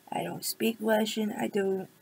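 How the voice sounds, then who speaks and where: A woman chatting casually to her viewers, giggling often and drifting into soft whispers. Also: mid-range voice, gravelly, a little hiss or hum, rough recording. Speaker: vlogger. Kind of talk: casual rambling chat to camera.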